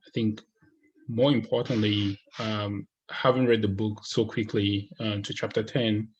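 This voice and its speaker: A Cameroonian man based in the United States gives a casual, unscripted spoken review of a book. His low, husky voice stays fairly flat, and he pauses often with fillers and restarted sentences. The sound is lo-fi.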